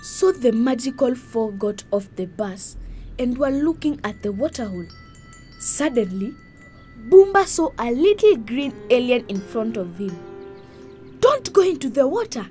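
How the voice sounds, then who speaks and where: A woman narrating a children's cartoon story with expressive, suspense-building delivery. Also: a little high, measured pace, soft background music.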